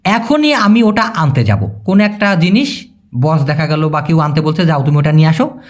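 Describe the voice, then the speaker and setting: His voice is high with lively intonation and broad pitch swings as this man explains things in a casual language lesson. He says phrases again slowly and patiently, checking in with his viewers to see that they follow.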